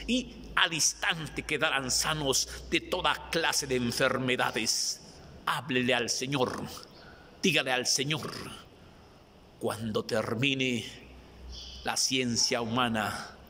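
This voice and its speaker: A man delivering an impassioned sermon at a slow, deliberate pace. His voice is bright and forceful, with a long reverb trailing each phrase. Faint noise sits underneath. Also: fairly high pitch. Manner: impassioned, repetitive calls to cry out to the Lord. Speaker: preacher.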